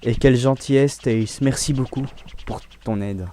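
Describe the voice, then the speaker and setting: A young man hosting a let's play, talking casually about his gameplay in a relaxed, chatty way and often restarting his sentences. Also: medium pitch, normal speed.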